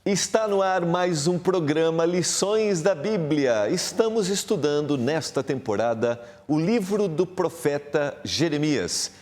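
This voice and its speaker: A man's voice: unhurried, few pauses. Roomy-sounding male pastor hosting. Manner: warm, emphatic host with lively pitch rises. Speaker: pastor and program host. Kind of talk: religious TV studio talk. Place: TV studio. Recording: roomy studio with long reverb.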